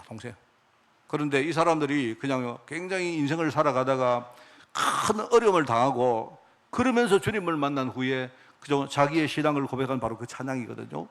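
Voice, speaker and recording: A middle-aged male pastor preaching a sermon. He keeps asking the congregation questions and answering them himself, and he drops to a quiet aside at the ends of phrases. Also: mid-range voice.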